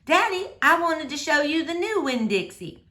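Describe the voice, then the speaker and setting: A woman's voice: high voice, sing-song, moderate pace, pushed and bright, voice pushed up, exaggerated voice. A woman voicing an earnest, wistful ten-year-old girl who confides plainly and eagerly in a storybook reading. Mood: pleading, eager.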